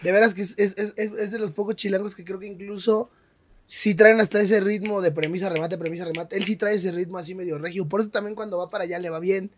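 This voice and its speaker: Un hombre con acento mexicano, comediante invitado en una charla de pódcast, que cuenta historias con mucha jerga y énfasis. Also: male voice, high voice, fairly even intonation, fast, slight background noise. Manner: slangy, emphatic storyteller. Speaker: stand-up comedian guest. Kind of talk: casual podcast interview.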